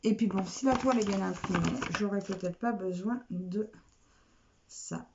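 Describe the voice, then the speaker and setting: A woman vlogger chatting casually as she unboxes craft kits, repeating words and filling pauses with little asides. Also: medium pitch, vocal fry. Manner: chatty, repeats words, many "alors" fillers. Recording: dull lo-fi recording with faint noise.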